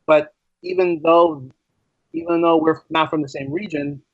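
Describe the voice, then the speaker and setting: A man from the US East Coast appears as a guest on a podcast, an ESL teacher explaining his ideas in casual interview conversation and often checking in with rhetorical questions. His voice sits on the high side, darkish and slightly rough, with fairly even intonation at a measured pace. The recording is dry, with the highs cut off.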